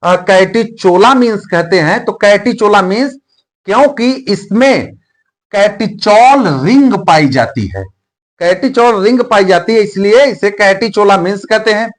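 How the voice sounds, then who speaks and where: A man's voice: sits high, lively intonation, unhurried. A man teaching a biology lesson, asking questions and answering them himself and repeating key terms. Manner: teaching memory tricks.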